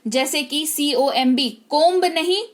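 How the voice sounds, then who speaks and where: A woman's voice: high voice, expressive, measured pace, a bit bright. A woman teacher giving an online English spelling lesson, patiently explaining rules and repeating key words.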